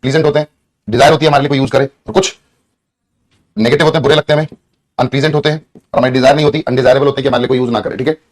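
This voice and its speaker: A man's voice: mid-range voice, steady tone, very fast, pauses often. A man teaching an English grammar lesson, repeating points and asking students questions. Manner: repetitive, asks students questions, stretches words when dictating. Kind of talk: exam-prep grammar lesson.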